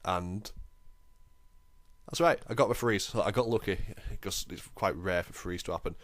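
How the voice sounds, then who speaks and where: A man's voice: deep voice, moderate pace, no room sound. A young man giving chatty, self-deprecating commentary over a recorded game as the channel's host.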